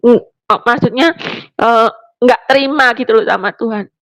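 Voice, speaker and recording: High-voiced woman telling her story. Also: moderate pace, no room sound, low-quality recording. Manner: animated, acts out the people she quotes. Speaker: person giving a personal testimony. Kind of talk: emotional storytelling testimony.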